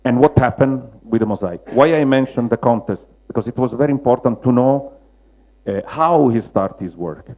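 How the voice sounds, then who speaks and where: A man with a Roman Italian accent gives a public slide lecture, searching for words in halting non-native English. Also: medium pitch, highs cut off. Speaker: lecturer, mosaic restorer.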